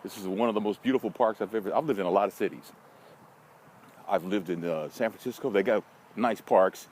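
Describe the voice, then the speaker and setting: An American man, a vlogger and social media marketing consultant, speaks fairly quickly in a fairly low, darkish voice as he walks in a park. He talks bluntly and casually, rambling with wry, folksy asides, while city noise and vehicles fill the noisy outdoor recording.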